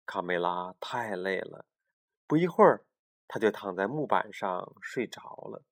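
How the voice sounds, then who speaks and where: A man in his thirties, a father reading a bedtime storybook to his child, gentle, with explaining asides. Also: on the low side, lively intonation, measured pace.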